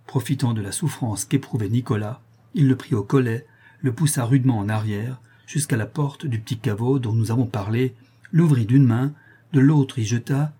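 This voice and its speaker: Male audiobook narrator, dark mellow voice, husky, dramatic measured reading. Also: medium pitch. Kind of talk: scripted narration of a novel.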